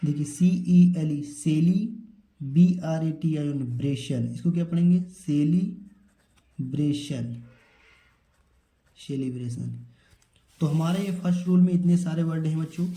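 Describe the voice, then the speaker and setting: Man slowly spelling out English words. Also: fairly high pitch, mellow, echoey room, poor audio. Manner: slow, drawn-out spelling of words letter by letter; asks a question, then answers it himself. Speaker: English teacher. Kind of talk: spoken English pronunciation lesson.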